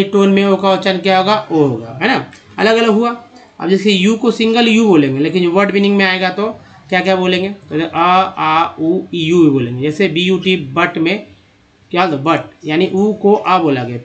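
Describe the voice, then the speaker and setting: A man with an Indian Hindi accent teaching English reading, slowly drawing out and repeating each word. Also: high voice, lo-fi sound. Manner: slow drawn-out word readings, repeats words.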